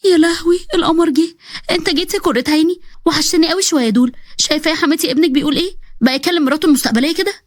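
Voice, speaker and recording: A woman's voice: very high voice, racing, dry recording, studio quality, voice pushed up. A woman voicing a cheeky, dramatic young woman of about twenty-two, teasing and whining, with an Egyptian accent. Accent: Egyptian Arabic.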